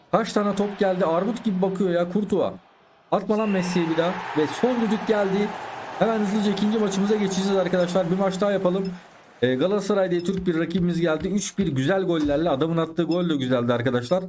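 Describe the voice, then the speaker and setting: A slightly high-pitched man narrates his football video game match as he plays, chatting to his viewers and calling out the action. He reacts loudly to shots and saves. A faint hiss sits under the recording. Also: steady tone, fast. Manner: chatty, addresses viewers as friends, exclaims at plays. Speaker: gaming YouTuber. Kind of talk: live gameplay commentary.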